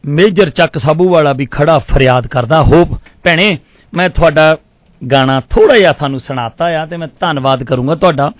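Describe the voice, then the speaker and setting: A man's voice: on the high side, brisk, dry recording, highs cut off. A man with a Punjabi accent hosting a radio call-in show, effusive and often repeating his phrases. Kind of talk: live music request show chat with sponsor reads.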